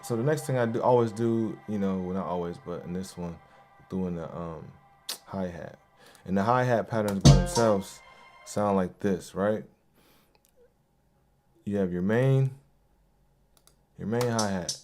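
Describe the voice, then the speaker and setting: A man with a fairly low voice talks through a beat he made in a relaxed, casual way. He sounds like a producer in his home studio, with loud beat music playing behind him. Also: unhurried, long pauses. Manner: laid-back, hypes along to his beats with yo and hey ad-libs. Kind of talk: casual beat breakdown tutorial.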